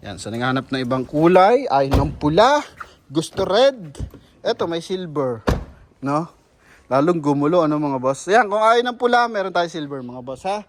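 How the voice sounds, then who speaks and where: Chatty Filipino car salesman, higher voice. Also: very animated, moderate pace, a little hiss or hum. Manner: chatty, addresses viewers as "mga boss". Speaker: used car sales presenter. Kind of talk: casual walkaround sales pitch.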